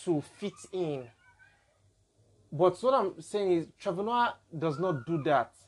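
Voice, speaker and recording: A man's voice: high-pitched, lively intonation, slow, breathy edge. A man with a Nigerian accent hosting a casual podcast discussion, building his points through examples. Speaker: podcast host.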